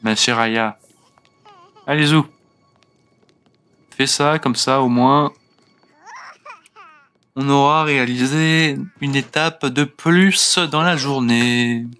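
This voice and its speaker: A man's voice: medium pitch, slow, long pauses, sharp tone, clear, resonant tone. A young man giving casual gameplay commentary as a let's play host, chatting to his game characters as he plays. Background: faint game music.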